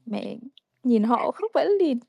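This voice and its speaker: A woman's voice: a little high, animated, unhurried, gravelly, breathy edge, no echo, dull audio. A woman, chatting casually in a crude, self-mocking, rambling way full of restarts. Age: 30s. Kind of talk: casual chat.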